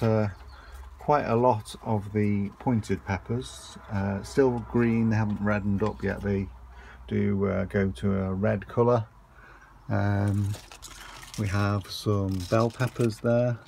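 A man giving a relaxed, hesitant tour of his allotment and greenhouse, filming on a handheld phone outdoors. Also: fairly low pitch, creaky, slight background noise. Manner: relaxed, hesitant with many ums and uhs. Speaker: allotment vlogger. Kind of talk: casual garden tour narration.

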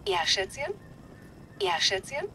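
With a medium-pitched voice that swings widely, a woman speaks slowly in a bright, pushed, exaggerated tone, with a little hiss or hum in the audio. She voices a prim robot nanny with a slight robotic filter in a video game, lovingly narrating a fairy tale in a sweet, sing-song manner.

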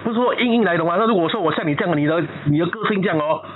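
A man's voice: high voice, very fast. A man with a Malaysian accent rambling over the phone about his wife, often losing his thread and restarting. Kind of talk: casual phone chat. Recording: tinny phone line with crowd noise.

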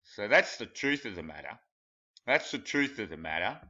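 A man with a fairly low, sing-song voice and a sharp tone talks at normal speed while mocking pictures, his commentary rambling, crude and blunt. He's a conspiracy video commentator who laughs at his own jokes, heard in a dull, lo-fi home recording.

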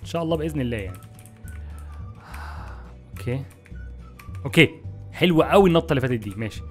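A young man with an Egyptian Arabic accent, giving excitable, exasperated gameplay commentary to his viewers. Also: mid-range voice, fast talker, faint music behind. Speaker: gaming YouTuber.

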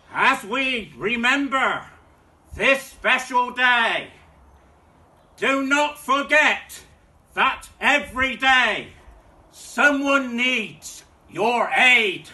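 A British man performing a town crier's cry outdoors, declaiming a loud ceremonial proclamation in short, measured phrases. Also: very high voice. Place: outdoors in a paved back garden. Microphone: phone or camera several metres away.

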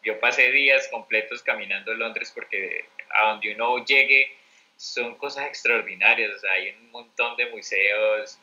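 A man's voice: on the low side, a little slow, pushed and bright, low-quality recording. A Colombian man telling travel stories as an interview guest, rambling with many fillers and restarts. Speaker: interview guest, mentor teacher. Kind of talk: conversational interview storytelling.

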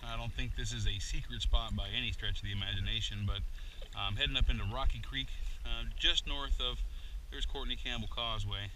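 A man's voice: mid-range voice, steady tone, brisk, hardly any pauses, bright, forceful tone, a little hiss or hum. A man chatting in a rambling, self-deprecating way as he paddles a kayak outdoors, recorded on a boat-mounted action camera. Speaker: kayak angler vlogger. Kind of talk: casual narration while paddling.

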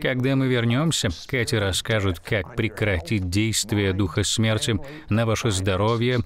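A man dubbing an older talk show host, who asks questions and announces segments in a measured way. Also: lowish voice, crowd noise.

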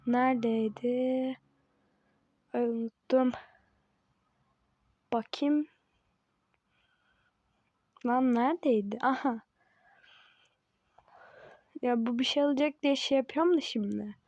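Woman w a high voice narrating her game slowly, teasing and chatty, kinda muffled dry mic. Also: fairly even intonation, darkish tone, no echo. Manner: chatty and teasing, laughs often, talks to herself. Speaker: gaming channel host. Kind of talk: casual gameplay commentary.

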